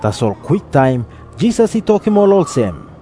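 Mellow, high-voiced Papua New Guinean man narrating. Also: big pitch swings, moderate pace, slight background noise. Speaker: scripture narrator. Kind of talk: scripted Bible narration in Tok Pisin.

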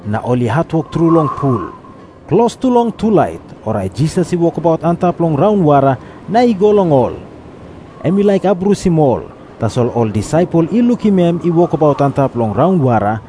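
A man's voice: fairly high pitch, background noise. A man with a Papua New Guinean accent, reading scripture as a narrator. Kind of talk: scripted Bible narration in Tok Pisin.

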